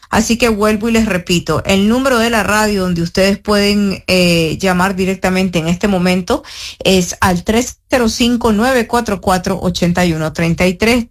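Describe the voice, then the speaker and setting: A woman from Nicaragua with a Nicaraguan accent, an immigration lawyer hosting a live radio call-in show, speaking clearly and reassuringly and repeating phone numbers slowly. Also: medium pitch.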